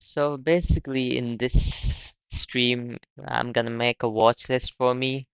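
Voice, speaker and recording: A young man from Pakistan hosting a casual live stream, talking haltingly and often repeating his words. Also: mid-range voice, steady tone, gravelly, clear, resonant tone, dry recording, highs cut off. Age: young adult. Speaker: livestream host.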